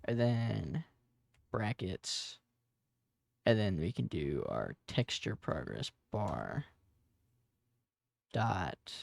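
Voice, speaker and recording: Young man, twenty, coding tutorial, lively pitch, gravelly fry, dry close sound, rambling. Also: drawn-out words, pauses often, no echo. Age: 20s. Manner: rambling, filler-heavy, self-correcting. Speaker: game dev tutorial host. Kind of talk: casual coding tutorial with storytelling.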